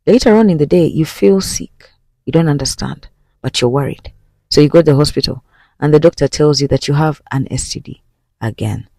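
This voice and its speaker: A woman's voice: sits low, a little fast, warm tone, no room sound, clean studio sound. A woman hosting a podcast, casually retelling a dramatic story in second person, as if talking straight to the listener. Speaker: podcast host.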